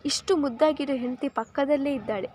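A woman voicing a playful young wife who teases and coaxes her husband in a drawn-out, coy way. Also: high-pitched, darkish tone, slight background noise, close to an everyday voice. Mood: teasing. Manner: coaxing, drawn-out teasing.

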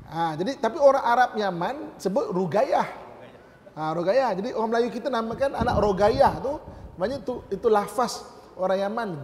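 A man with a Malaysian Malay accent giving a religious lesson in a conversational way, often checking with his students and reciting verses slowly to demonstrate pronunciation. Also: sits high, a little mellow. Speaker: religious teacher. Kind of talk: classroom religious lecture. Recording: echoey hall with faint noise.

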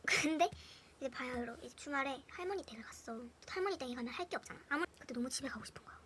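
A young woman with a Gyeongsang Korean accent telling funny school stories to her viewers in a casual, animated way, swinging between hushed whispers and loud bursts with lots of laughter. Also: high-pitched, quick pace, slight background noise. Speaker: storyteller vlogger. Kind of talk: casual anecdote storytelling to viewers.

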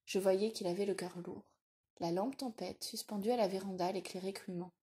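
Warm-toned woman narrating a novel. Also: medium pitch, steady tone. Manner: measured, reflective. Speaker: audiobook narrator. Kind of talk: literary audiobook narration.

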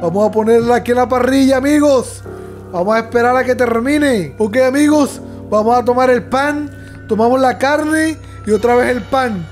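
Man, very high voice, excitable let's-play host, soft music underneath. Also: moderate pace. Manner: excitable, keeps addressing viewers as friends. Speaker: gaming channel host.

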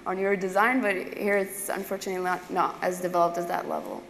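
Young woman panelist, candid, lowish voice, echoey hall. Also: little pitch movement, fast talker, fairly bright tone, slight background noise. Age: young adult. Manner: earnest, candid. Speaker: panelist, design student. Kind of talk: panel discussion. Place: stage in a large event hall. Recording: echoey hall with faint ambience.

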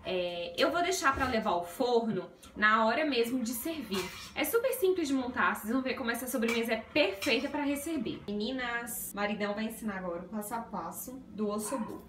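This casual cooking vlog features a young woman explaining each recipe step to viewers as she chats in a small tiled home kitchen. Her slightly high, fairly bright voice is animated and fairly quick, with hardly any pauses. She's recorded on a distant tripod-mounted phone in an echoey room, with background music and a little hiss or hum.

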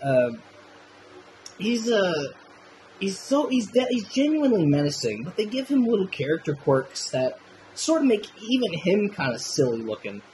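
Animated, enthusiastic film reviewer. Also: male voice, high voice, normal speed, a little hiss or hum, rough recording. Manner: enthusiastic, swears casually.

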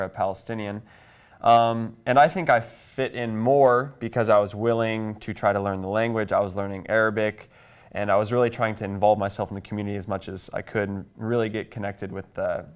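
Recorded on a lapel mic in a small indoor TV studio, a man in his twenties from Kansas answers conversationally as an interview guest. His American-accented voice is fairly low and clean.

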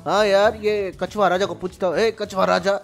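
A male gaming YouTuber giving playful, excitable let's-play commentary and chattering to the animals in his game. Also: sits high, moderate pace, gravelly, soft background music.

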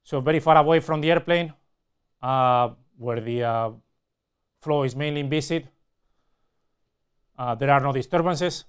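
A man in his forties delivers a technical lecture in a clean, resonant voice of medium pitch. He explains point by point, often pausing mid-phrase before carrying on. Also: clean tone. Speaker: university lecturer. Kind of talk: technical lecture at a whiteboard with slides. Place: indoor classroom or studio with whiteboard.

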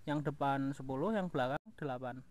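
A man with a medium-pitched, brisk, slightly mellow voice hosts a motovlog, chatting informally and colloquially to viewers as he walks around his motorbike. He's outdoors in a house yard, filmed on an action camera that picks up clear background noise.

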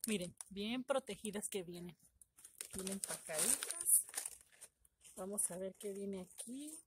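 A middle-aged woman, talking excitedly to viewers in a casual unboxing video, her voice trembling with emotion. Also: mid-range voice, unhurried, background noise. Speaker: gardening vlogger.

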